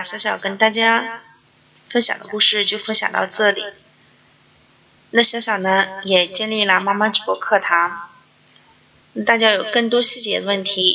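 Bright-voiced mother telling a parenting story. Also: medium pitch, creaky, lo-fi sound. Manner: homely, chatty storytelling. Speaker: parenting class host.

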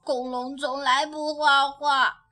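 A woman's voice: flat delivery, slow pace, bright, forceful tone, soft background music, heavily acted. A woman doing a squealing little dinosaur-costumed boy. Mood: sulky. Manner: high, squealing and eager.

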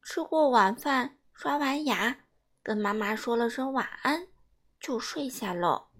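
A woman reading a children's picture story aloud in an expressive way. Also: a little high. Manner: expressive, unhurried narration.

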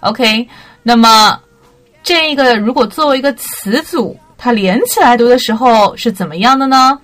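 A woman's voice: on the high side, moderate pace, fairly bright tone, soft background music. A young woman hosting a casual pronunciation lesson, mixing Mandarin with English words and spelling them out letter by letter. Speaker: English pronunciation teacher, podcast host.

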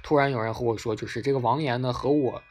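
Fast-talking husky man telling a story. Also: mid-range voice. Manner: excitable, repeats words for emphasis. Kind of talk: casual spoken storytelling.

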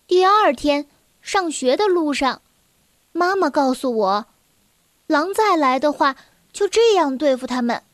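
A woman reading a children's storybook aloud in a slow, clear and expressive way. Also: sits high, dry recording.

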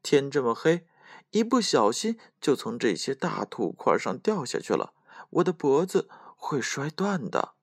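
A man's voice: medium pitch, wildly swooping pitch, measured pace, fairly bright tone, no echo, voice pushed up, full character voice. A tiny, clever storybook boy speaks in a raised, playful voice full of teasing bounce, as a man puts him on. The voice swings widely in tune while the recording stays close and dry. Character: tiny thumb-sized boy, clever and cheeky.

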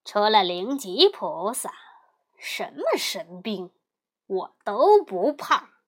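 A woman's voice: very animated, exaggerated voice. A woman voicing an arrogant male demon king in a children's storybook, boastful and drawn out. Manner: boastful, deep-voiced, drawn-out. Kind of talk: storybook reading.

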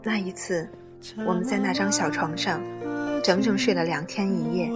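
A woman narrating a first-person literary story in a soft, intimate way, often dropping to a whisper. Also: on the low side, normal speed, over loud music.

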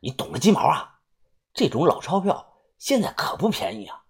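A woman's voice: sits low, very animated, moderate pace, slightly rough, heavily acted. A woman voicing a blunt, knowing young man in an audiobook, talking in a scolding way. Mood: excited. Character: gruff young male narrator, blunt and knowing. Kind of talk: audiobook character voice.

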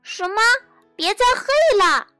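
A woman voicing a mischievous young male bunny who loves to shout and jump out at friends, for a children's storybook. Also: very high voice, a little slow, no room sound, clean studio sound, faint music behind, voice pushed up, exaggerated voice. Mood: excited. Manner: bouncy, shouting with glee.

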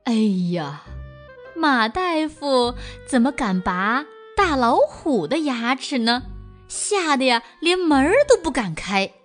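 Woman, children's storyteller, slow gentle reading, faint background music. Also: high-pitched, sing-song. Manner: gentle, speaking to young children.

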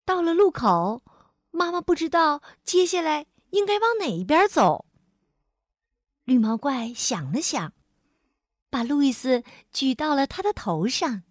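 A woman narrates a picture book in a high, singsong voice full of big pitch swings, going a little slowly and lengthening her final particles. The audio is close and dry, without any room sound.

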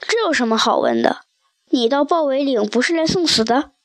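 A woman voicing a gruff, hot-tempered male leopard in a storybook reading, blustering and quick to rage. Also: sits high, expressive, no room sound. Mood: scornful. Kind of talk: storybook character voice.

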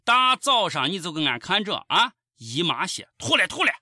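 A woman's voice: fairly low pitch, big pitch swings, moderate pace, sharp tone. A woman with a Shaanxi accent hosting a comic radio show in dialect, with a cheeky, theatrical, exclamatory delivery. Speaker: radio host. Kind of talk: comic scripted commentary in dialect.

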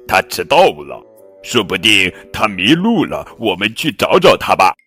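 A good-humoured patchwork elephant teases his friends in a storybook, as a man puts him on. The voice rises lightly with a lively, swinging lilt. Soft music plays faintly behind. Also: low voice, a little slow, slightly rough, full character voice. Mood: cheerful. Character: cheerful joking patchwork male elephant.

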